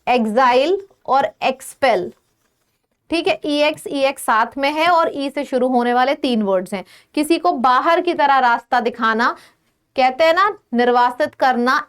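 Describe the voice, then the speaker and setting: Indian woman tutor, high bright voice, rattles off synonym lists, slows down on the English words. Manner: lists many synonyms in a row, checks in with "ठीक है"; mixes Hindi with English words, slows down to stress English phrases. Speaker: English vocabulary teacher. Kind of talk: exam-prep vocabulary lesson.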